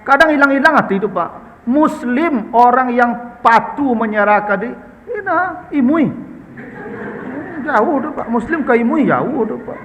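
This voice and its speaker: A man's voice: very high voice, expressive, measured pace, fairly bright tone, big-room sound, muffled recording, a little hiss or hum. A man with a Minangkabau accent preaching in a chatty, humorous way, often addressing his listeners as sir and ma'am. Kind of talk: conversational Islamic study talk answering questions.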